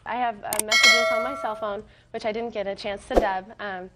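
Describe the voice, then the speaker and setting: A woman's voice: medium pitch, steady tone, brisk. A young adult woman testifying as a defendant in court, nervous and rambling with many ums and restarts. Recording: noisy TV courtroom audio.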